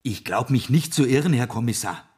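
An actor playing a plump, self-important male police witness in a radio drama, husky, with an emphatic, insistent manner. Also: mid-range voice, expressive, moderate pace, darkish tone, lightly acted.

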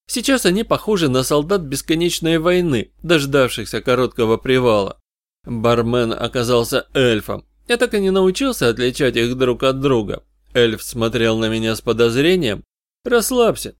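A man narrating a first-person hardboiled audiobook in a measured, wry manner. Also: mid-range voice, no room sound, studio quality.

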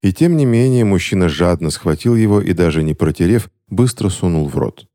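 Low, dark-voiced male narrator. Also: animated, brisk, no echo, studio quality. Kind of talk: audiobook narration.

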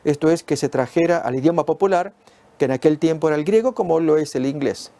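A man teaching a Bible lesson, explaining step by step in a measured way with occasional fillers. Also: a little high, creaky, warm tone.

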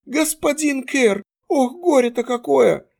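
A man reading an audiobook voices a young woman warrior who fusses and scolds loudly in a shrill, high voice. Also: expressive, slow, vocal fry, heavily acted. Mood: fussing dismay.

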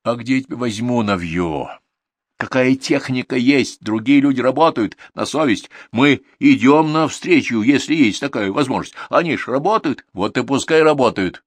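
Audiobook role: a man doing a big scolding older farm boss, raised loud voice, dry booth. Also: medium pitch, animated, normal speed, no echo, voice pushed up, natural voice. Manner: scolding, exasperated. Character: big stern older male farm manager.

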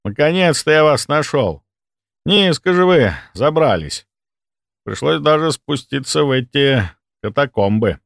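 An elegant aristocratic count, as a male narrator puts him on, loud and formally polite. His voice is raised in pitch and carries with a lively lift. The storybook read is dry and close. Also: unhurried, creaky, dry recording. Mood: exclaiming.

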